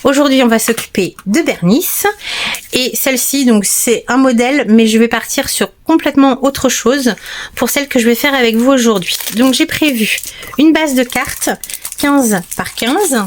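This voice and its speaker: A woman's voice: sits high, normal speed. A woman talking casually through a card-making tutorial from her craft table at home, chatty and hesitant, with many fillers and restarts. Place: craft table at home at night, under a lamp.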